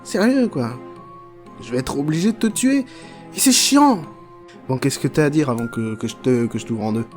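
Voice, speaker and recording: A man's voice: medium pitch, animated, moderate pace, darkish tone, soft background music, lightly acted. Willy Wonka, a man doing a foul-mouthed, rambling candy boss. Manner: rambling, swearing, offhand and mocking. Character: crude, foul-mouthed, unhinged chocolate factory owner. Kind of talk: comic parody storytelling.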